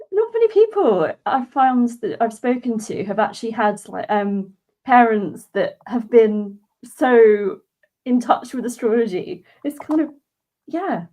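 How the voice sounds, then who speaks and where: A woman's voice: a little high, expressive, takes it slowly, mellow. A woman hosting an interview, reflecting on and summing up what her guest says. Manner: reflective, sums up the guest's points. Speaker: host.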